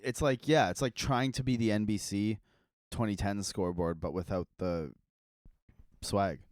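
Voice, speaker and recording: A man's voice: fairly low pitch, fairly even intonation, moderate pace, darkish tone, dry recording, clean studio sound. A man co-hosting a podcast in casual chat, laid-back and full of fillers. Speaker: podcast co-host.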